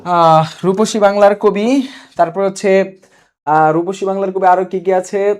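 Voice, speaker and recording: A man's voice: sits high, steady tone, measured pace, a little mellow. A young man teaching a live online coaching class, quizzing viewers, repeating key answers and reading their comments aloud. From Bangladesh.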